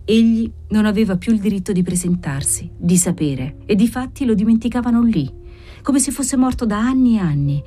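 A woman reading a dramatic novel aloud as an expressive audiobook narrator. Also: medium pitch, fairly quick, faint music behind.

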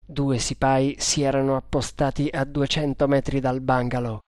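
A man giving a dramatic, measured reading of an adventure novel as narrator. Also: mid-range voice, flat delivery, darkish tone, no echo, clean studio sound. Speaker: audiobook narrator. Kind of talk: scripted narration.

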